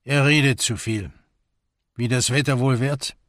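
A gruff old army major who talks in short, clipped statements, as an audiobook reader voices him. His voice stays close to the reader's natural middle pitch, slow and measured. The recording is dry. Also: steady tone, a bit bright, no echo, natural voice. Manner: terse, gruff. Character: older retired army major, gruff and terse.

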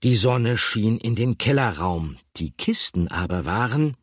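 A man narrating a children's story in an expressive storytelling manner. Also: fairly low pitch, measured pace, slightly rough, dry recording, clean studio sound. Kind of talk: audiobook narration.

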